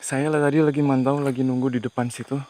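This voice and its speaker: A man hosting a ghost-hunting vlog outdoors at night, talking to viewers in a tense, hushed way as he explores. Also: medium pitch, flat delivery, fast talker. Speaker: paranormal investigator host.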